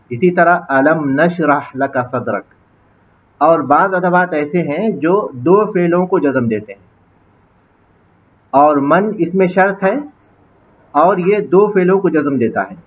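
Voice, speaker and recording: A male teacher giving a classroom lecture, explaining grammar step by step, quizzing his students and reciting Arabic passages slowly. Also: a little high, muffled recording. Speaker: teacher of an Islamic studies course.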